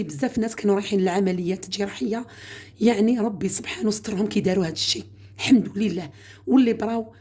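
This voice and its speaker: A woman with a mellow, mid-range voice and an Algerian Arabic accent hosts a home cooking channel. She chats her way through a home-remedy demonstration, frequently addressing her viewers as "my sisters."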